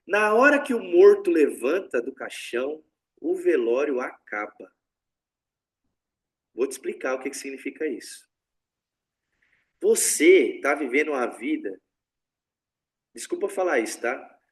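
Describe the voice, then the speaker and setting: A man with a fairly high voice gives a spiritual talk on tantra. He speaks bluntly and casually, with slang and swearing, and keeps acting out the voices of the people he quotes. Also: very animated, measured pace, long pauses. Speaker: tantra teacher.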